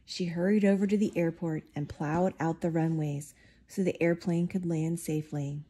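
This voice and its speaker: A woman reading a picture book aloud, giving the characters lively, expressive voices. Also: lowish voice, normal speed, breathy edge. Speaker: storybook reader.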